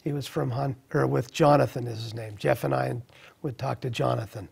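A middle-aged man telling a personal testimony in an earnest, reflective way, with halting restarts. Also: medium pitch, steady tone, gravelly, darkish tone, breathy edge. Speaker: speaker sharing a personal testimony. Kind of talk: personal storytelling.

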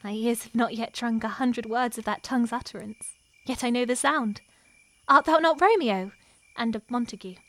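A woman performing a lovestruck, wary young noblewoman in a Shakespearean scene, her delivery moving between hushed and impassioned. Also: on the high side, normal speed, dry recording, lightly acted. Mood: longing. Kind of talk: Shakespearean stage acting.

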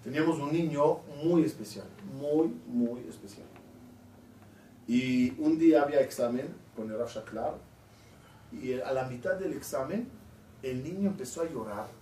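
A middle-aged rabbi with a warm, mid-range voice leads a Torah class at a moderate pace, tossing questions to his students along the way. The room echoes, the mic sits some distance away, and a faint hiss runs beneath.

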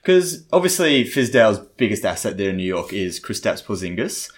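A man co-hosting a casual sports podcast, talking with a dry, deadpan humour. He keeps an easy, conversational flow and slips in jokes without changing his tone. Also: lowish voice, brisk, slightly rough. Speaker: podcast co-host. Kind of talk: casual chat.

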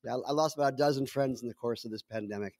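A man's voice: medium pitch, very fast, darkish tone, no echo, studio quality. A man co-hosting a podcast as a scientist, wry and explanatory in casual chat over a video call. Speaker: scientist co-host.

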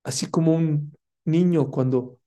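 A man's voice: fairly high pitch, measured pace, dark tone. A man giving a fervent religious lesson, asking his listeners rhetorical questions and mixing Hebrew terms into his talk. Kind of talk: Torah lesson.

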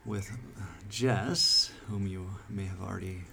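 A man's voice: sits low, fairly even intonation, slow, gravelly, bright, forceful tone. A man hosting a podcast in casual chat on an outdoor deck, hesitant with many fillers and restarts. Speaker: podcast host. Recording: background noise outdoors.

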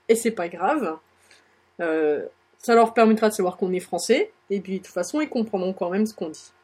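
A young woman speaks with a French accent in a relaxed, chatty lesson. She encourages her listeners and pauses often with small hesitations. Her voice sits at an ordinary middle pitch. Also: husky. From France. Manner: chatty, many fillers, encouraging. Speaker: blog host teaching English phrases. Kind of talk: casual audio lesson.

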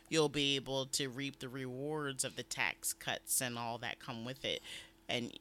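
Bright-voiced man chatting on a podcast. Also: medium pitch. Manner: laughs often, animated, quotes people. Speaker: podcast co-host. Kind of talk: casual political chat.

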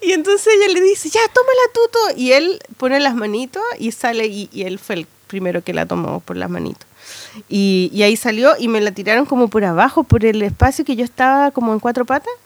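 Chilean woman co-host in her thirties, higher pitch, animated storyteller, dry close recording. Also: fairly quick, dry recording. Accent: Chilean Spanish. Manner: animated storytelling with lots of slang tags. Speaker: podcast co-host. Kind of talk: casual chat.

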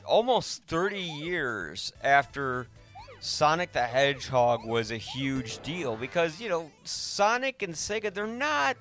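A podcast host chats casually about films, rambling and thinking aloud as he goes. His voice is on the high side, expressive and slightly bright, with a slow pace and soft music in the background.

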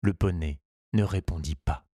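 A man reading a children's storybook aloud in a calm, measured and gently expressive way. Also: deep voice, no room sound, clean studio sound. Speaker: audiobook narrator. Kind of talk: scripted storybook narration.

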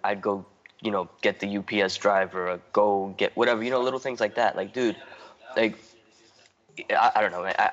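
A man talking as a podcast guest in a relaxed, loose ramble. His voice sits a bit low. He leans on "like" constantly, restarts his sentences and swears casually. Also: muffled recording. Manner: rambling, heavy use of "like" and restarts. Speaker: guest artist.

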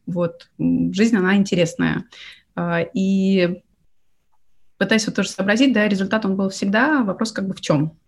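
A woman executive as an interview guest, speaking reflectively and haltingly with heavy use of fillers. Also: medium pitch, fairly even intonation. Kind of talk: casual interview chat.

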